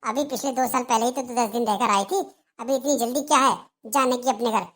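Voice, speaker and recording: A woman's voice: on the high side, brisk. A woman voicing a dramatic, complaining older mother-in-law in a Hindi cartoon, taunting and wailing about her family. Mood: scolding.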